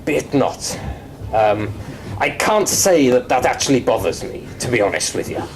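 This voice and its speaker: A British man voicing a gruff male pirate answering a support call, growling and dismissive. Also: mid-range voice, sing-song, normal speed, a little hiss or hum, natural voice, poor audio.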